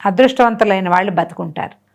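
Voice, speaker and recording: A storyteller with a medium-pitched voice talks fast as she retells a folk tale in a lively, conversational way. She asks rhetorical questions and acts out the characters' dialogue.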